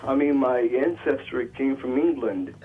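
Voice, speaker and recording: A man calling in, arguing earnestly and haltingly, sounding emotional and close to tears. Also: medium pitch, a little hiss or hum. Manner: earnest, hesitant. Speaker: caller. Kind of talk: halting call-in argument. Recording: dull radio-like phone line.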